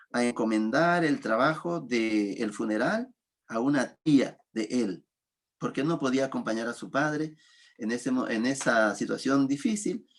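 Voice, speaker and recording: Pastor, male, mid-pitched, measured storyteller who pauses often in a sermon.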